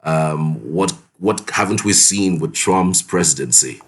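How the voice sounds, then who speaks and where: Very deep-voiced halting male commentator. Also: slightly rough. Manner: halting, many restarts and fillers. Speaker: news commentator. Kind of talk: live commentary.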